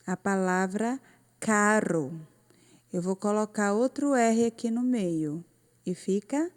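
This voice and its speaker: A woman teacher with a Brazilian Portuguese accent gives a recorded lesson for young children. She talks slowly and patiently in a mid-range voice. She walks through each step and says words over again. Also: medium pitch, mellow. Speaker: primary school teacher.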